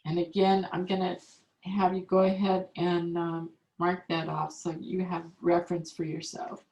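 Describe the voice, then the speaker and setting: Lady teaching calligraphy over a video call, slow and patient, lowish voice, roomy echo. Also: level tone, darkish tone, dull audio. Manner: slow, patient step-by-step instruction. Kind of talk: online art class demonstration. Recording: echoey room on a video call.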